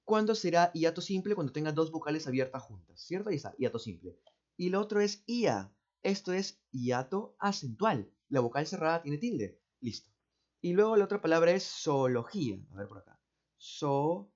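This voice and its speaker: A man with a Peruvian accent explains exam answers step by step, speaking slowly, repeating words and often checking with "¿no?" or "¿cierto?". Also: a little high, very animated, darkish tone. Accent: Peruvian Spanish. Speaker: teacher. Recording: dull, muffled audio.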